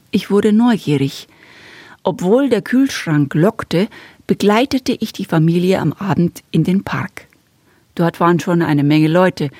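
A woman narrating a children's story in a calm, gently expressive way, in the first person. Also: on the low side, dry recording, clean studio sound.

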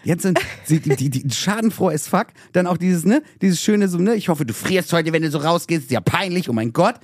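A young man in casual podcast chat who tells a story with animated outrage and keeps swearing. His fairly high voice swoops up and down a lot. The recording is close and dry. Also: a little fast, no echo. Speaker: podcast co-host.

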